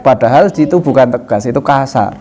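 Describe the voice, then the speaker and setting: A man teaching a religious lesson in a relaxed, conversational way, with rhetorical questions, frequent chuckles and slowly recited Arabic lines. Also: medium pitch. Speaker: Islamic teacher. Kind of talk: sermon.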